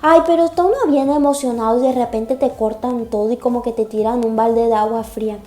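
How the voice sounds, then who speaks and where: A woman's voice: fairly high pitch, fairly even intonation, brisk, warm tone. A young woman reading a comic aloud and reacting, gushing and sighing often. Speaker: webcomic reaction vlogger. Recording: echoey room. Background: faint music.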